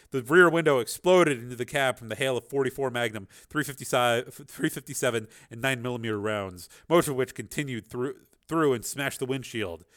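A man's voice: mid-range voice, fairly bright tone. A man reading an action novel aloud as a dramatic, intense narrator. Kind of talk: dramatic audiobook-style narration.

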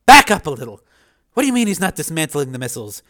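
A man's voice: fairly high pitch, big pitch swings, fast talker, a bit bright, voice pushed up. A man voicing a composed, polite female news reporter in audiobook dialogue. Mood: professional, puzzled. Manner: polite, businesslike, questioning. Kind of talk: acted dialogue in audiobook narration.

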